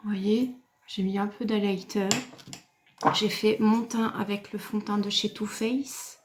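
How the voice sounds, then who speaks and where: Slow-talking woman demoing makeup. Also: mid-range voice, steady tone, background noise. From France. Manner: patient, step-by-step explaining to viewers. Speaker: beauty YouTuber. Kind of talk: makeup tutorial talk to camera.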